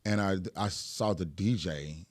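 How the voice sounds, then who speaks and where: On a casual podcast in a studio, a thirtysomething guest from Atlanta, Georgia, spins stories in a Southern Atlanta accent, relaxed, with frequent fillers and laughter. His voice is deep and unhurried. The sound is clean and echo-free.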